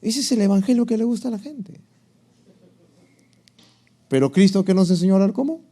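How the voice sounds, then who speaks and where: Male preacher, lively sermon delivery, quizzes the congregation. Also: high-pitched, fairly quick. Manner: asks the congregation questions, acts out quotes. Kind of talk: sermon lesson.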